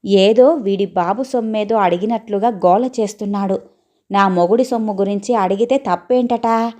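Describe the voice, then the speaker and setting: Harsh nagging mom, as a lady storyteller puts her on, loud and cursing, audio story. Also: medium pitch, normal speed, close to an everyday voice. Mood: scolding. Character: harsh sharp-tongued middle-aged mother.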